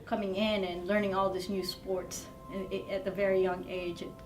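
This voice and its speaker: A woman from the Philippines speaking thoughtfully and softly about her arrival in a new country. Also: medium pitch, flat delivery, normal speed. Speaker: army major. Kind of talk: interview testimony. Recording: distant mic with clear music behind.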